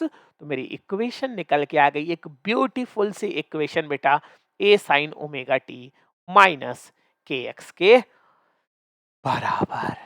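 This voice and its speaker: Young male physics teacher, slightly high voice, dry close sound, playful and coaxing online lecture style. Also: a bit bright, no echo. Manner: playful, coaxing, calls students "beta"; asks checking questions often. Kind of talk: online exam-prep lecture.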